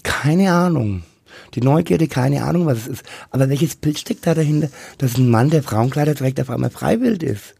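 A middle-aged man with a husky, gravelly voice, talking candidly and haltingly as an interview guest. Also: medium pitch, animated, dark tone, no echo. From Franconia, Germany. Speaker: interview guest, drag queen and queer activist.

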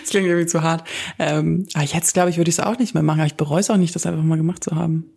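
Husky-voiced young woman, bashful. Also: low-pitched, steady tone, very fast, darkish tone. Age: late 20s. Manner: bashful, laughs easily. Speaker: podcast co-host. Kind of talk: frank casual conversation.

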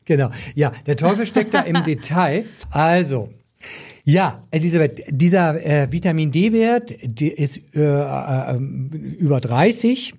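A man's voice: fairly high pitch, expressive, takes it slowly, vocal fry, a little mellow, slightly rough. A man explaining as an expert in podcast conversation, emphatic and opinionated, repeating points for stress. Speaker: nutrition doctor, podcast expert.

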